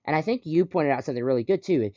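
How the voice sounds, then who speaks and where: Racing along with lively intonation, a male host with a slightly high but dark-toned voice affirms his guest and drives a conversational podcast interview through follow-up questions. The recording is dry, dull and lo-fi, without echo.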